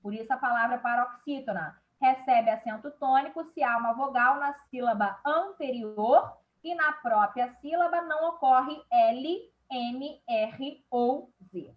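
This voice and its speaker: A woman's voice: high voice, measured pace, few pauses, dull audio. A woman teacher with a Brazilian Portuguese accent, explaining a grammar lesson step by step and checking in with her class.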